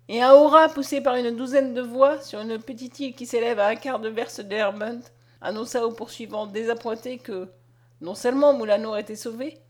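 A woman reading a literary tale aloud with expressive, dramatic storytelling. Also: a little high. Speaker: audiobook reader. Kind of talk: literary narration read aloud.

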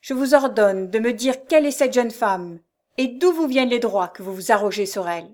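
A woman's voice: high voice, big pitch swings, darkish tone, pitched above the performer's own voice. A woman voicing a grave, commanding nobleman. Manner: grave, slow, solemn. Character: calm, imposing commanding nobleman.

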